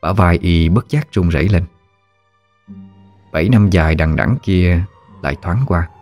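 Deep-voiced male narrator, calm and measured, for a spoken story over soft music.

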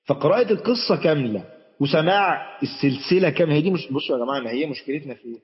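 A man with an Egyptian accent teaches a religious lesson in a loose, conversational way, talking directly to the people in front of him. His voice sits a little high and he speaks quickly, often breaking off and restarting his sentences. The recording sounds dull and lo-fi, with a long echo from a hall. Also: expressive. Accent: Egyptian Arabic. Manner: chatty, addresses the audience directly, frequent restarts. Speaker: sheikh giving an Islamic lesson.

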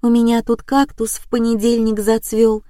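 A high, breathless young woman, flustered and dazed, voiced by a woman narrating a storybook. She talks in quick exclamations. The sound is dry and close. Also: completely flat delivery, dark tone, dry recording, close to an everyday voice.

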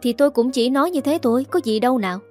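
A woman's voice: on the high side, lively intonation, moderate pace, mellow, soft background music, close to an everyday voice. A woman voicing a spiteful older woman neighbor who gossips in a sneering way.

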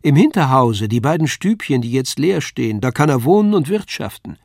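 A man's voice: medium pitch, sing-song, moderate pace, vocal fry, darkish tone, no room sound, studio quality. A man reading aloud, voicing an earnest young man who speaks in a heartfelt, pleading way. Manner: heartfelt, pleading, rising emphasis. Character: earnest young man asking his love home.

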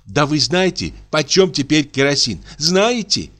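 A man voicing a stingy, scolding spinster woman in a shrill, nagging tone. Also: big pitch swings, a little slow, fairly bright tone.

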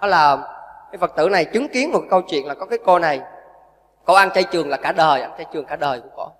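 A man's voice: on the high side, quick pace, long reverb tail. A man, a Buddhist monk giving a storytelling sermon and acting out the people he quotes. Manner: storytelling, acts out quoted voices, animated.

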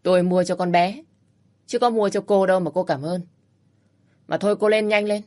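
A woman's voice: mid-range voice, moderate pace, darkish tone, close to an everyday voice. A woman voicing a cocky, teasing young man with a brusque, mocking way of talking, in a storybook reading.

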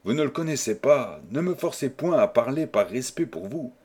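A man reading aloud, voicing a young wife who speaks calmly and coldly in a storybook. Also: medium pitch, normal speed, breathy edge. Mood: scornful. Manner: calm, cold and firm. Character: cold disdainful young wife.

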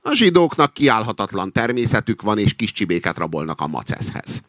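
A man voicing a suspicious, touchy male fox in a fable reading, with high agitated accusing outbursts. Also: big pitch swings, a bit bright, dry recording. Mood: puzzled. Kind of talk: acted reading of a satirical fable.

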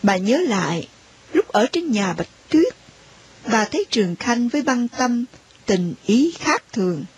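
A woman reading a story aloud in an even, unhurried narration. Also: fairly high pitch, slightly rough. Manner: slow, even storytelling with voiced dialogue.

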